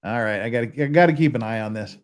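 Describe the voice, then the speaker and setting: A man's voice: mid-range voice, fast talker, clean tone. An American man hosting a casual livestream, chatty and joking, often stopping himself mid-sentence. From United States. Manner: chatty, self-interrupting, joking. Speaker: livestream host.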